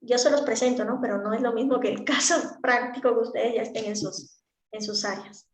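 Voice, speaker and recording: A woman's voice: a little high, steady tone, brisk, roomy sound, slight background noise. A woman teaching speech therapy to a class, explaining practically with examples. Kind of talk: online class lecture.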